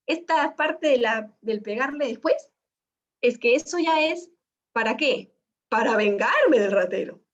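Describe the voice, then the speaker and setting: A woman teaching an online law class. She explains with lively examples and often adds tag questions. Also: on the high side, a little slow. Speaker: law lecturer. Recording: dull lo-fi online class audio.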